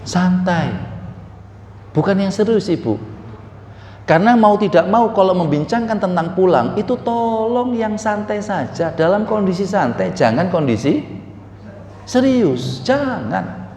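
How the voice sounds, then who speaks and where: A man's voice: high voice, lively intonation, a little slow, darkish tone, a little hiss or hum. A man preaching a sermon, joking and asking the audience questions, through a microphone in a large hall. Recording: echoey hall with reverb.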